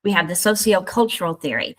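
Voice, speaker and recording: Lower-voiced Southern American woman lecturing. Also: lively intonation, brisk. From Indiana. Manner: conversational, many fillers and asides. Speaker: university instructor. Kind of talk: recorded lecture.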